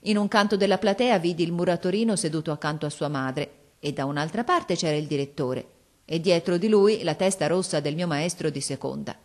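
A woman with a fairly low voice reading a classic story aloud. Her narration is measured and expressive, at an unhurried pace. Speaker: audiobook reader. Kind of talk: scripted narration.

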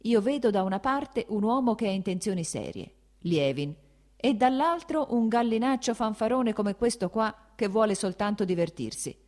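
A woman reading an audiobook, voicing an angry, blustering old prince who shouts and scoffs. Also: mid-range voice, lively intonation, normal speed, voice pushed up, close to an everyday voice. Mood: scornful. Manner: shouting, scornful, mocking.

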